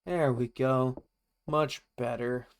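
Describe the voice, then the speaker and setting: Man, mid-range pitch, clean resonant voice, casual game streamer commentary, wry and playful, talking to himself. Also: steady tone, slow, smooth. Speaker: live streamer playing a horror game. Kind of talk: casual game commentary, muttering to himself and reading on-screen text.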